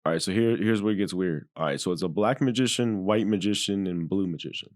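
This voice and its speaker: Late 30s guy cohosting, low voice, talks fast, curses casual. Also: no echo, clean studio sound. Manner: quick, blunt, swears casually. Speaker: podcast co-host. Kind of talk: casual podcast chat.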